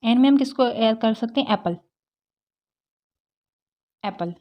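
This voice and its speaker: A woman's voice: a little high, steady tone, brisk, highs cut off. A woman teaching English grammar, explaining step by step, asking rhetorical questions and checking in with "theek hai".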